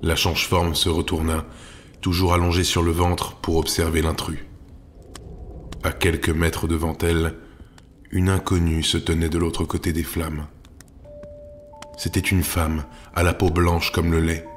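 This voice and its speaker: A man narrating a fantasy audiobook in a measured storytelling manner. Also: low voice, little pitch movement, slight background noise. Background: faint music.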